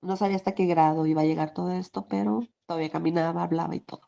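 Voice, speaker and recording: A woman's voice: on the low side, steady tone, racing, gravelly, mellow. A middle-aged woman giving a rambling, emotional personal testimony in an interview. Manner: rambling, restarts often, emotional.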